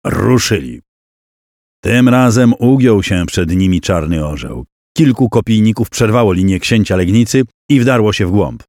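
A man narrating a historical audiobook in a dramatic storytelling style, voicing the characters' shouts and cries along the way. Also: fairly low pitch, lively intonation, moderate pace, no room sound, studio quality.

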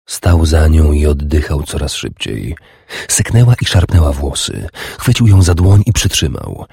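Very deep, gravelly male narrator. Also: sing-song, dark tone, dry recording, studio quality. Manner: slow, measured, sensual reading. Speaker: audiobook narrator. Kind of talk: scripted narration.

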